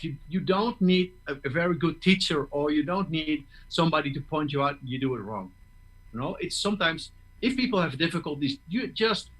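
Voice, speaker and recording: A man with a fairly high, bright, forceful voice leads an online master class on breathing for brass players. He explains each step patiently, stumbles over and repeats words, and keeps checking in with his listeners. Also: rough recording. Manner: explains step by step, restarts words, asks "okay?". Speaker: tuba teacher giving a master class.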